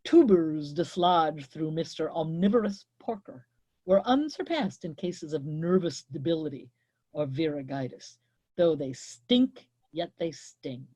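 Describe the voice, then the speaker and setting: A lewd old grandfather ghost leers through his lines, read out by a woman. The voice is husky and sits low, with sly, drawn-out emphasis. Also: animated, warm tone, no echo. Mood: leering.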